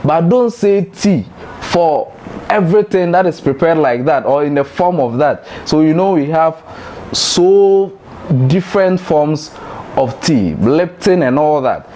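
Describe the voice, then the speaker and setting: A man with a Ghanaian accent hosting a light educational talk, playful and laughing, jumping into high mock voices. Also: expressive, unhurried, dark tone, a little hiss or hum. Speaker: host.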